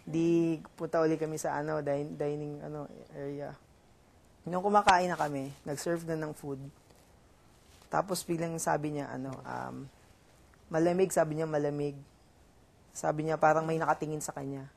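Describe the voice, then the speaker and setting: A young man with a Filipino accent telling a story in casual chat, halting with many fillers and restarts. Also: fairly high pitch, fairly even intonation, gravelly. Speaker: reality show housemate.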